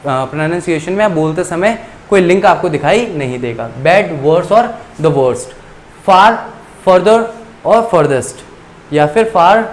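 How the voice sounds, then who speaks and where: A man with a high-sitting voice teaches English grammar in a classroom-style lesson, explaining the rules step by step and reading English lines aloud slowly.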